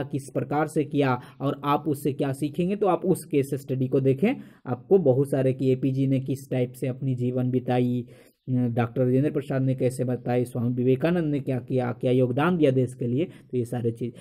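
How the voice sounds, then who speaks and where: A man with a mellow, slightly high voice walks through a school poem lesson. He addresses the viewers as his friends, poses questions, and answers them on his own.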